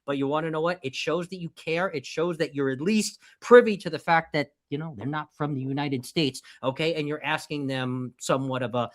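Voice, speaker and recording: A man's voice: on the high side, brisk, few pauses. A man co-hosting a podcast who gives tips in an emphatic way and keeps checking in with "okay?". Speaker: podcast co-host. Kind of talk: casual podcast chat.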